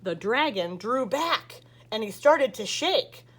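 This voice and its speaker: A woman reading a children's picture book aloud as a storyteller, in an expressive, deliberate rhyming delivery. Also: on the high side, slight background noise. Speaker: library storyteller.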